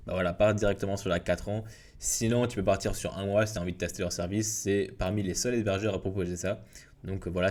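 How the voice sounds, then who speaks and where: A young man giving a casual, filler-heavy software tutorial. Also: deep voice. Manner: casual, informal, many fillers and restarts. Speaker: WordPress tutorial youtuber. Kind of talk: screen-recorded software tutorial.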